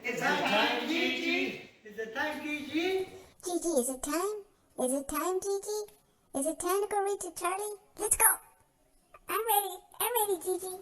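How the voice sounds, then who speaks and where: A woman putting on a squeaky eager little critter. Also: normal speed, a bit bright, reverberant. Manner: squeaky, pleading, repeating itself. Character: eager little critter begging for reading time.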